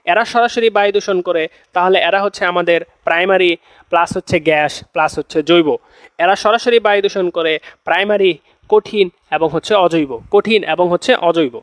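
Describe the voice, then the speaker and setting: High-voiced young tutor repeating his points. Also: moderate pace, clear, resonant tone, no echo. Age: young adult. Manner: repeats each phrase two or three times for emphasis; coaxing, checks in with "okay?" and "see". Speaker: admission-test tutor. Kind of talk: chemistry class lecture.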